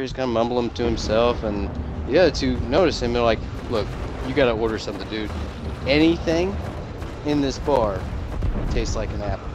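A gamer man talking over a headset, loosely retelling a bar joke and putting on the quoted lines. His pitch sits in the middle range. Game gunfire and ambience rumble clearly underneath. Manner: rambling storyteller, acts out quoted lines. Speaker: gamer in party chat. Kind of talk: casual chat, joke telling. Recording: game sounds behind, noisy.

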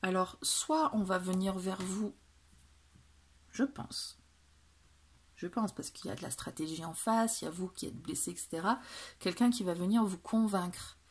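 A woman's voice: lowish voice, moderate pace, pauses often, slightly rough. A woman doing a casual tarot reading for viewers, talking with many hesitations and restarts. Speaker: tarot reader.

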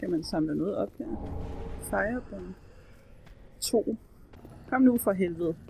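A woman giving excitable let's play commentary, swearing and shrieking as she plays. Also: medium pitch, creaky, a little hiss or hum. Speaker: gamer.

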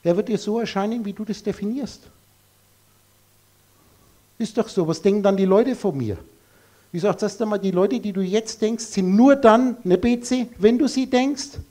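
A man's voice: high-pitched, moderate pace, pauses often, mellow. A man giving a live lecture to an audience in a blunt, emphatic way, full of rhetorical questions.

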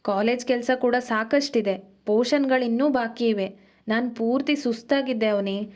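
A woman voicing a tired young man who speaks softly and apologetically to his fiancée in an audio story. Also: fairly high pitch, moderate pace, close to an everyday voice. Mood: apologetic. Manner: defensive, then softly apologetic.

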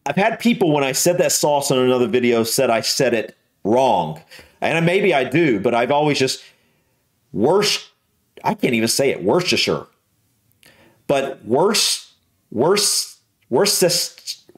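An American man hosting a casual reaction video, musing aloud with lots of restarts and trailing thoughts. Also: medium pitch. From United States.

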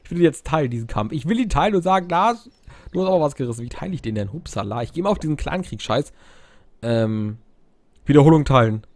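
A man's voice: mid-range voice, lively intonation, fast talker, darkish tone, no echo. A young man giving casual, rambling gameplay commentary, cracking crude jokes and interrupting himself. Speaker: Let's Play host.

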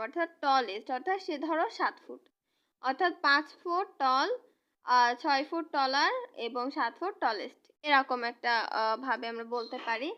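A woman teacher explaining English grammar to students in a slow, patient way, repeating and spelling out each example word. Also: high-pitched, highs cut off.

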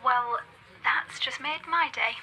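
A woman's voice: high-pitched, takes it slowly, bright, forceful tone, slightly rough, exaggerated voice, rough recording. An actress playing a nervous, chatty young woman with a British accent on a first date, blunt and rambling. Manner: blunt, rambling, self-mocking. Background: game music.

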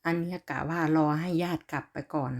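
Low-voiced Isan woman chatting in her kitchen. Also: steady tone, a little fast. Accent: Isan (northeastern Thai). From Thailand. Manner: friendly, talks to viewers as "brothers and sisters" with soft polite particles. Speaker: vlogger. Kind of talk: casual chatty kitchen vlog. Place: home kitchen.

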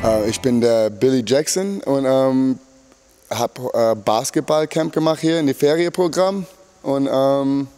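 A middle-aged man, a basketball coach, answering interview questions in a sports hall, halting with many fillers. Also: mid-range voice, warm tone, smooth, faint music behind. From Germany.

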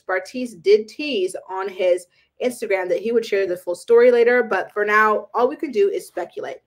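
A woman hosting a celebrity gossip channel, talking casually and with opinions, often using "um" and "like". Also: mid-range voice. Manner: chatty and opinionated, frequent "um" and "like".

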